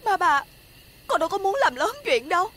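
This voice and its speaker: An actress playing an indignant, wronged young wife with a Southern Vietnamese accent, speaking in a sharp, accusing way. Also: female voice, very high-pitched, animated, a little fast, a little hiss or hum. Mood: aggrieved. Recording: music playing behind.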